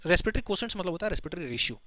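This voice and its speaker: A man teaching biology for an exam, explaining step by step, asking students quick questions and mixing in read-out English textbook lines. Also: high-pitched, expressive, sharp tone, dry recording. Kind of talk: exam-prep lecture.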